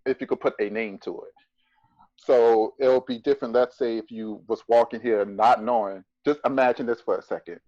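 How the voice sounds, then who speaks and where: A man's voice: medium pitch, darkish tone, no room sound. A man in his thirties from the United States, a podcast guest talking bluntly and emphatically, with profanity and sarcastic retorts, from a phone at home on a video call. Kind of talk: candid conversational interview. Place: indoors at home. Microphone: phone front camera on a video call. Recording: dry, slightly dull video-call audio.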